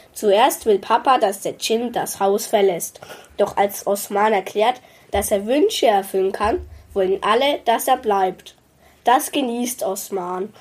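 A woman reading a children's story aloud in a calm, even way. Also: mid-range voice, husky.

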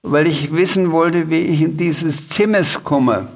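A man reading aloud and voicing a small, anxious blue dragon who cannot pronounce the letter R, speaking slowly and plaintively. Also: on the high side, fairly even intonation, gravelly, exaggerated voice. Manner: slow, plaintive, can't pronounce R.

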